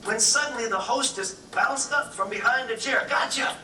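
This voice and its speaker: A man's voice: extremely high pitch, normal speed, sharp tone, a little hiss or hum. A man narrating a rhyming story in a wry manner. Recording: echoey room, distant mic, music behind.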